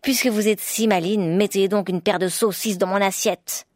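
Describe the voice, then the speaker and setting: A woman voicing a grumbling poor woodcutter's wife who talks in a shrill, bitter, quarrelsome way. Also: moderate pace, no echo, studio quality, close to an everyday voice. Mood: bitter complaining.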